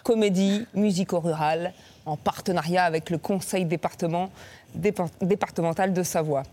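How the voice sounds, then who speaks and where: A woman's voice: on the low side, steady tone, normal speed, mellow. A woman doing a playful comic column on a TV talk show, joking with the guests and breaking into bits of song and silly voices. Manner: playful, bursts into sung lines and silly voices. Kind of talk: comic sketch with snatches of song. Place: TV studio.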